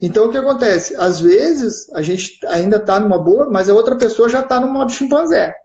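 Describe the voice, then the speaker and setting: Gaúcho man, patient live-stream explainer, mellow tone, echoey and dull audio. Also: high voice, expressive, moderate pace. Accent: southern Brazilian (gaúcho). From southern Brazil. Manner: explains patiently with frequent "né?" and "certo?" check-ins. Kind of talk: explanatory casual chat.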